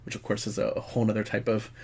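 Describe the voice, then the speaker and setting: A man with a somewhat low voice co-hosting a casual conversation. He muses aloud and drops teasing, playful quips along the way. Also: completely flat delivery, rapid-fire, darkish tone. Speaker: podcast co-host. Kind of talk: casual chat.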